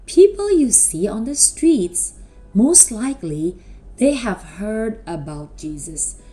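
A middle-aged woman talking to children like a kids show host, animated, with simple questions and drawn-out words. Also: medium pitch, faint music behind. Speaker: children's presenter at a school Christmas service.

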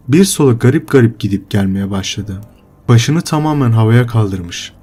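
A young man telling a first-person horror story in a low, subdued storytelling voice. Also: mellow.

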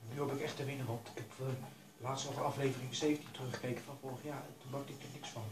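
A man giving casual commentary over his own racing game, talking to himself and urging himself to stay calm. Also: medium pitch, quick pace, reverberant, rough recording. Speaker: gaming YouTuber.

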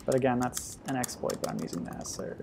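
A man casually commenting on a retro game as he plays, thinking aloud with sudden loud exclamations. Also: medium pitch, expressive, brisk, vocal fry, a little hiss or hum. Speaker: streamer.

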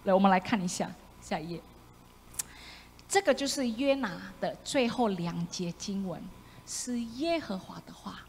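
A woman preaching a sermon, animated, acting out voices and dropping into whispered asides. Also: medium pitch, normal speed. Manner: animated, acts out voices of the prophet with sudden loud and whispered asides. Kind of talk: sermon with congregation reading along. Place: church hall. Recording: echoey church hall, faint room noise.

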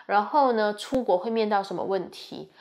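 A woman's voice: medium pitch, moderate pace, darkish tone. A young woman from Malaysia, a university student chatting earnestly as she shares her experience and gives advice. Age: young adult. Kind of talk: casual advice talk.

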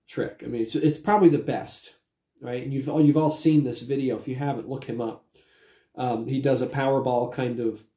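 A magician in his forties, getting over a cold, casually explains his technique in a vlog with a lozenge in his mouth. His voice is medium-pitched and mellow, and the timber-framed dining room at home where he's recording gives it a roomy echo.

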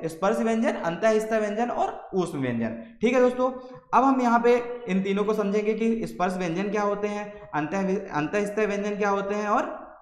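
A man's voice: high-pitched, echoey room, big-room sound. A man teaching a grammar lecture for exam preparation, who keeps asking the class questions and then answers them himself.

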